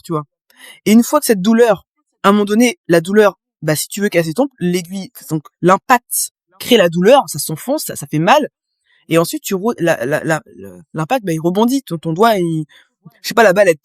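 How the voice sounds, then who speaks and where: A woman's voice: medium pitch, no room sound, clean studio sound. A woman guest in a casual interview, explaining her experience with vivid images and talking straight to the listener. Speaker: guest, business coach.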